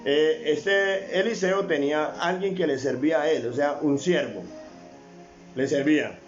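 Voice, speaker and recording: A man's voice: on the high side, measured pace, muffled recording, faint music behind. A man preaching a sermon as a pastor, often calling on his brothers, asking rhetorical questions and repeating phrases.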